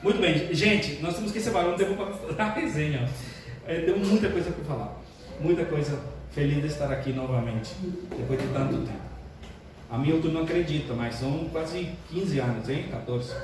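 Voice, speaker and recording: An older man, a pastor, opening his sermon with jokes in a chatty, animated way. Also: on the high side, normal speed. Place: church sanctuary. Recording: echoey church hall, distant mic, room noise.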